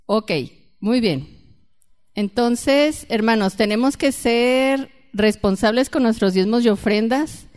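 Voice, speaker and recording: A woman's voice: a little high, slow, a little mellow. A woman preaching a conversational sermon and asking her congregation questions. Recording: long hall reverb.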